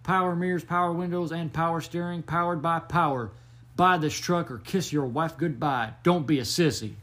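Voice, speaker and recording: A man voicing a boastful truck commercial announcer with a slow, over-the-top hard-sell delivery. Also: on the high side, steady tone, a bit bright, lightly acted. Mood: macho. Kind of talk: mock TV commercial.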